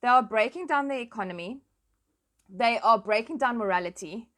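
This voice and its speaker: A woman's voice: a little high, expressive, moderate pace, a bit bright. A South African woman chatting casually to her online followers in an informal, plain-spoken and emphatic way. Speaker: online commentator and host. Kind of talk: casual chat to followers, switching between languages.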